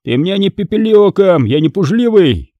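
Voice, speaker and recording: A man voicing a brash, fearless young smith's helper who shouts and talks back. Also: high voice, very animated, fairly quick, no echo, dull audio, pitched above the performer's own voice.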